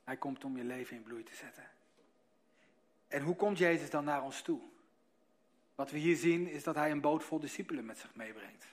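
A male preacher with a fairly high-pitched voice delivers a sermon to his church in a storytelling manner. He slows down and leans on key words for emphasis.

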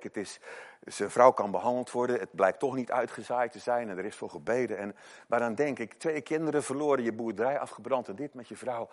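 A man preaching a sermon, telling stories of believers and swinging between loud emphatic lines and hushed ones. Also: medium pitch.

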